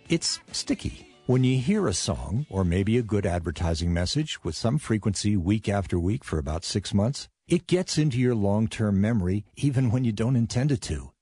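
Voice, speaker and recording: A man with a markedly husky voice reads a conversational radio advertisement. His pitch moves freely, and the sound is dry with faint music behind. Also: mellow. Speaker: radio promo announcer.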